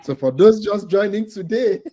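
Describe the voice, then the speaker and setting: A man's voice: sits high, lively intonation, moderate pace, dark tone, low-quality recording. A man hosting a live online quiz for a training cohort over a video call, teasing the players and laughing often.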